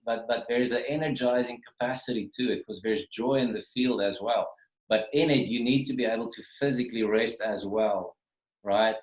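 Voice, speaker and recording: A man speaks as a minister in an easygoing teaching session. His voice sits in a middle register and he wanders through his points, doubling back on words. The sound comes over a video call from a reverberant room. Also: medium pitch. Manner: rambling, restarts and repeats words. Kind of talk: casual spoken teaching. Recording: roomy video call audio.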